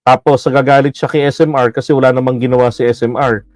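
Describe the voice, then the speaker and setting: A man's voice: mid-range voice, fairly even intonation, quick pace, darkish tone, no echo. A man giving blunt, mocking political commentary in a casual livestream, laughing often and using many fillers.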